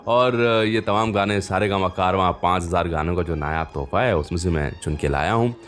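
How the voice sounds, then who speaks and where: A man with a low-pitched, slightly bright voice presents a music radio show a little fast. He tells anecdotes in a chatty, conversational way, addressing listeners directly and using frequent rhetorical fillers.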